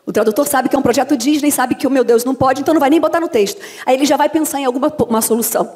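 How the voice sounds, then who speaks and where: A Brazilian woman speaks in a slightly high voice, telling lively stories from her dubbing work to a room of listeners. Her voice rings with a long reverb from the hall, as if caught from a stage. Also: racing. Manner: lively storyteller acting out anecdotes. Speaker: voice actress and dubbing director. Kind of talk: lecture talk to an audience. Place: lecture hall.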